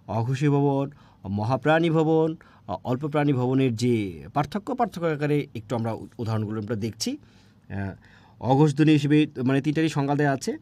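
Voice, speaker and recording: A man teaching a grammar lesson, quizzing his students with questions he answers himself, with a Bangladeshi Bengali accent. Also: mid-range voice. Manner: fillers and restarts, drops softer when thinking. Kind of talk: exam prep lecture.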